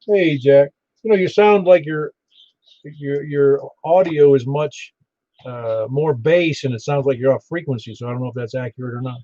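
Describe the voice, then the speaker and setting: A man working as a ham radio net controller, halting and easygoing as he takes an informal roll call. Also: mid-range voice, warm tone. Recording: dull band-limited ham radio audio.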